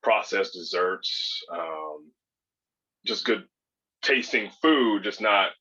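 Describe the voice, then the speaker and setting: A man's voice: on the low side, slow, bright, forceful tone, husky, lo-fi sound. A man in his thirties, born in California and raised in Hawaii and Spain, talking as a guest on a podcast in a laid-back, rambling way with lots of fillers and restarts. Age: 30s. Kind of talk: casual podcast interview.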